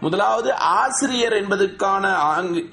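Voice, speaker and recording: A man teaching a spoken language lesson to schoolchildren, drilling word lists slowly and repeating them. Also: sits high, creaky, a bit bright. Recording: echoey room with faint music.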